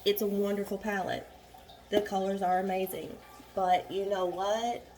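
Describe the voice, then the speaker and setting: A woman casually chatting through a makeup tutorial at home, rambling and frank, a little hoarse, recorded on a phone. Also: mid-range voice, flat delivery, moderate pace. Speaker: beauty vlogger. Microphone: phone camera.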